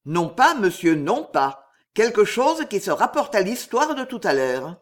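A man's voice: high-pitched, sing-song, a little slow, pitched above the performer's own voice. A man voicing a humble prison concierge in a storybook reading, deferential and astonished. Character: humble old male prison concierge, awed and eager.

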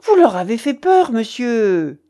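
A stiff, majestic general demands answers with lofty indignation, as a woman reader puts him on. His voice is mellow and slow, rising and falling with plenty of swing. He is heard in an audiobook reading. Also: on the high side, very animated. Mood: indignant. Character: stern middle-aged male general, pompous.

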